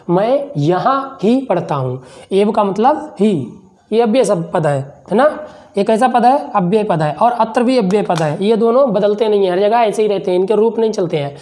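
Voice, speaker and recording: Man teaching slowly, answering his own questions. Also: high-pitched, expressive, a little mellow. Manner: slow and deliberate, repeats phrases word by word; asks questions and answers them himself. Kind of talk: classroom lesson explanation.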